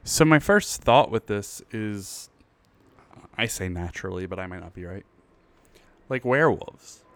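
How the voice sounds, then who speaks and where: A man hosting a solo board game design podcast, thinking aloud in a halting way with restarts while he has the hiccups. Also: low-pitched, lively intonation, gravelly, dry recording.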